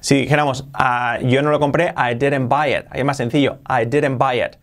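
A man with a native Spanish voice explains English grammar to learners in a relaxed, informal way. He slows down and repeats each English example sentence several times. His pitch sits in the middle for a man. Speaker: English teacher.

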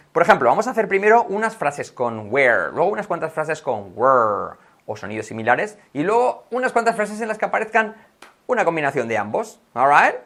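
Giving a relaxed English class, this teacher from Spain speaks with a Spanish accent in a somewhat bright, higher voice. He moves back and forth between Spanish and English, drilling words by repeating them.

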